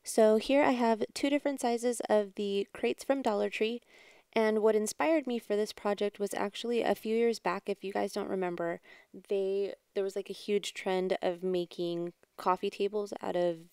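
Recorded at home on a voice-over mic, this woman runs a craft channel and talks through a DIY tutorial one step at a time in a chatty but quiet, subdued way. Her mid-range voice is clean and unhurried, with fairly even intonation. The recording is dry and studio quality.

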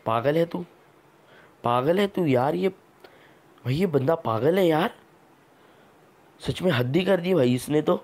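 A man's voice: on the high side, takes it slowly, pauses often, darkish tone. A man hosting a gameplay video, giving casual commentary full of teasing, mock-scolding banter.

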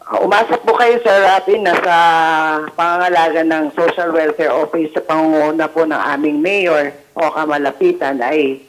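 A woman's voice: deep voice, steady tone, moderate pace, low-quality recording. Polite Filipino woman social worker. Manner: formal, polite, explanatory. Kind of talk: official remote interview.

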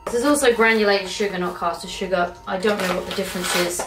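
A young adult British woman speaks fast at a medium pitch while filming a home cooking vlog in her echoey kitchen with faint background music. She chats and rambles casually, poking fun at her own mistakes.

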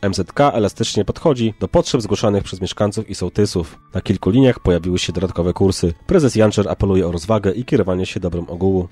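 A man reading scripted local news in a measured, formal way. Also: low voice, dark tone, slightly rough. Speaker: news narrator. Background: background music.

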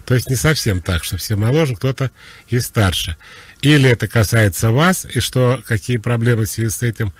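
A man giving psychological advice on a radio call-in show, explaining in a relaxed, conversational way. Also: medium pitch, fairly quick, slightly rough, no echo.

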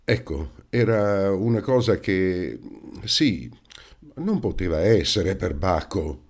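Audiobook: man doing a flustered old gentleman, stammering, deep. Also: big pitch swings, slow pace, heavily acted. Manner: stammering, hesitant.

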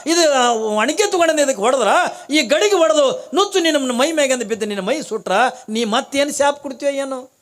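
Fearful, pleading village wife, a male preacher doing her voice, high-pitched, North Karnataka accent. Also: expressive, fairly quick. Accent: North Karnataka Kannada. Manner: pleading, distressed, raised voice. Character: poor devout village woman, pleading and fearful.

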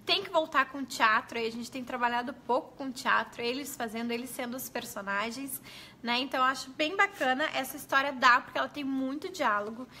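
A woman's voice: high voice, fairly quick, bright, forceful tone, a little hiss or hum. A woman pedagogue, giving chatty, explanatory tips on classroom activities to fellow teachers. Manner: chatty, explanatory, addresses viewers as gente.

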